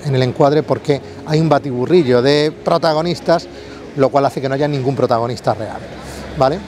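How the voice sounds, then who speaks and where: A man with a mid-range voice films a casual, on-location photography tutorial on a city street, addressing viewers directly and working through his ideas out loud. As a vlogger he explains things with many fillers and a repeated "vale," amid background noise.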